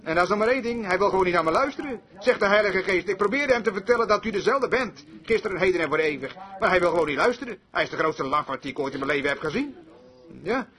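Bright high-voiced male preacher. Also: animated, fast talker. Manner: storytelling preacher who acts out dialogues. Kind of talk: sermon.

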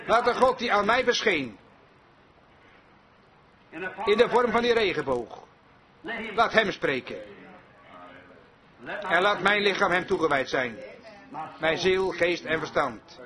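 A man's voice: sits high, expressive, slow, pauses often, crowd noise. A man preaching a fervent revival sermon, speaking straight to his congregation and repeating his points. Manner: fervent, repetitive, addresses congregation directly.

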